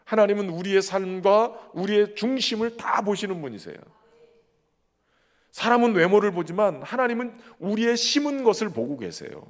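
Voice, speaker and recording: A man's voice: high voice, lively intonation, moderate pace, in a large hall. A man preaching a sermon as pastor, earnest and emphatic, who keeps addressing the congregation directly.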